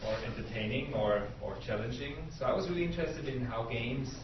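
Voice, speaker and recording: A man introduces himself to a class, hesitant and full of ums and restarts. He is far from the mic in a very echoey room, and the sound is dull with a clear hiss. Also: mid-range voice, a little fast. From Austria. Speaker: visiting researcher on a guest panel. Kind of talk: casual self-introduction.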